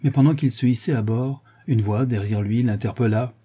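A man reading a classic novel aloud in a measured, even narration. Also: medium pitch, breathy edge. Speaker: audiobook reader. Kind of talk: literary audiobook narration.

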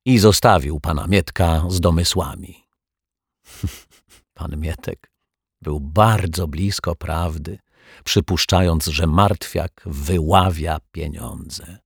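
A man reads a children's story aloud at a slow, unhurried pace. His voice is very low and gravelly, with a husky edge, recorded close in a dry space. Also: no room sound. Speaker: narrator. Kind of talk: audiobook reading for children.

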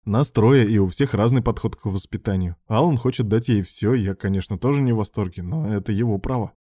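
A man voicing a calm, wry peacemaker who speaks evenly with light mockery. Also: lowish voice, fairly quick, no echo, clean studio sound, lightly acted.

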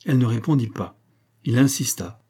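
A man reading a classic novel aloud in a measured, even narration. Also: medium pitch, slightly rough. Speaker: audiobook narrator. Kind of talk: literary audiobook narration.

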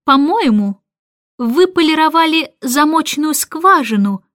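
A woman's voice: high-pitched, lively intonation, a little slow, fairly bright tone, no room sound, clean studio sound, voice pushed up. A woman voicing a stern, proud young nanny in a storybook reading, cold and sarcastic. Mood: icy. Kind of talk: audiobook character reading.

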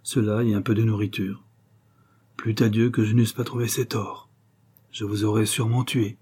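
A man's voice: on the low side, level tone, darkish tone, breathy edge. A man voicing a bitter, vengeful ex-convict. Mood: dazed. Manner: hard, cursing, slow and grim. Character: bitter aging man fresh from prison, vengeful.

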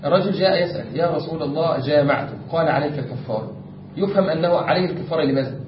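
A man's voice: on the high side, rapid-fire. A man with an Egyptian accent teaching a class on Islamic jurisprudence, explaining step by step and often checking whether the class follows. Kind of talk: classroom lecture. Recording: echoey room, distant lo-fi mic with faint noise.

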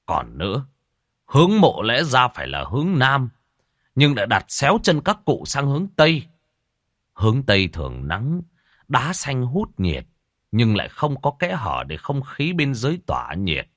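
A man voicing a calm older geomancer who explains grave rites slowly in an audio story. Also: mid-range voice, no room sound, studio quality, pitched above the performer's own voice. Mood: explaining. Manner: slow, lecturing.

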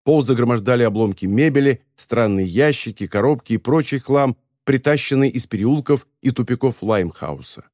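A man reading a story as an audiobook narrator, in an even, measured telling. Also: mid-range voice, dry recording, studio quality. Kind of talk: scripted narration.

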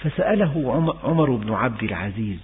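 Older preacher in an echoey hall. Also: male voice, mid-range voice, very animated, fairly quick, a little hiss or hum. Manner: storytelling, mixes classical and colloquial Arabic, rises in emphasis. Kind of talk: religious lesson. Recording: echoey hall, phone-like tinny sound.

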